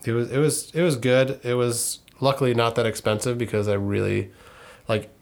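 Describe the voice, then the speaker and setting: This podcast co-host, a thirty-year-old man from northern Minnesota, speaks at a normal speed in a medium-pitched, steady voice with vocal fry. The show is casual, and he rambles a bit, correcting himself with frequent ums.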